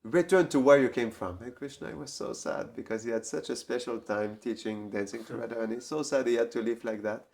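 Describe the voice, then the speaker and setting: A man casually telling a devotional story, halting and repeating words as he goes. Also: medium pitch, fairly even intonation, creaky, darkish tone.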